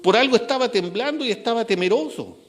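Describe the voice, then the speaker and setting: A man preaching a sermon in church, repeating phrases and slowing down, dropping low to stress key words. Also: animated, soft background music. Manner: slows and drops low for emphasis, repeats phrases. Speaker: pastor.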